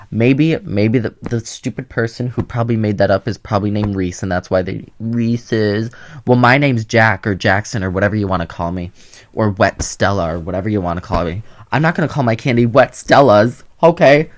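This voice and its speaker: A young man vlogging in a casual, rambling way, chatty and sassy as he jumps from topic to topic. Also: on the low side. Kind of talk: casual rambling vlog chat.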